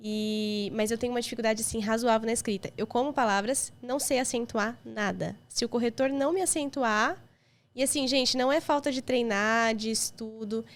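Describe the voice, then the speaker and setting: A young Brazilian woman with a Brazilian Portuguese accent, a podcast guest telling personal stories in an emotional, lively way. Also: on the high side, a little fast. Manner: emotional, lively storytelling with quoted voices. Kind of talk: casual chat.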